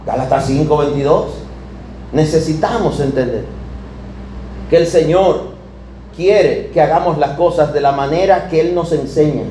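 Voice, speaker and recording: A man preaching a sermon, telling stories with emphatic, drawn-out key words and shifting pace. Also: high-pitched, a little mellow. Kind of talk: sermon with storytelling. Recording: echoey room with air conditioning hum.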